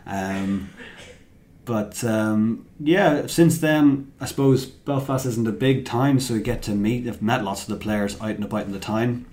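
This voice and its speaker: A man's voice: on the low side, measured pace, a little mellow. A man, a podcast guest telling a self-mocking story in casual chat. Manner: chatty, self-mocking anecdote teller.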